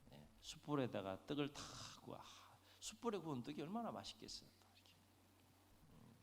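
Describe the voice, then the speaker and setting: A male senior pastor preaching an afternoon sermon, retelling the story dramatically with a voice that rises and drops. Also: mid-range voice. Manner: lively preaching, voice swelling and dropping, dramatic retelling. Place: church sanctuary. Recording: long hall reverb.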